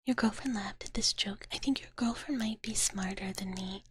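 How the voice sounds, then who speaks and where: A woman ASMR livestreamer whispers softly and breathily close to the microphone, chatting casually and playfully with viewers. Her voice is mid-range at normal speed, and she playfully refers to herself in the third person.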